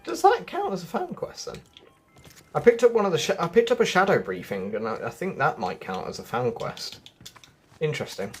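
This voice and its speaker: Talking directly to his audience over background music, a gaming news YouTuber keeps his commentary loose and chatty. His voice sits on the high side with a sing-song lilt, a breathy edge and a brisk pace.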